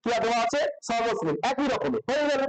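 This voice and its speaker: High-voiced man teaching a class. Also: big pitch swings, quick pace, rough recording. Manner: keeps asking the class questions and repeating answers. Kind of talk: classroom Sanskrit grammar lesson.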